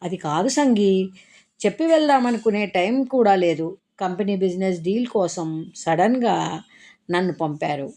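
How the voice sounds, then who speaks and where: Reading a Telugu audiobook, a woman gives voice to a young man who is sorry and loving as he comforts his weeping girlfriend. Her mid-range voice is warm, a touch slow, and lively in its intonation, with an apologetic, tender mood suited to a character voice.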